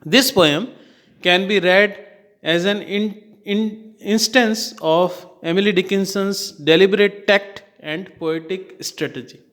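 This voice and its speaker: Male literature teacher, Indian English accent, measured classroom delivery that restates key lines. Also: high-pitched, fairly bright tone. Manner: slow, repeats key points for emphasis. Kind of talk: classroom lecture.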